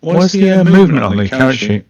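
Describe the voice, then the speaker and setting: A man's voice: fairly high pitch, big pitch swings, fast, dull audio, a crowd in the background. A man talking casually as a player in a tabletop game.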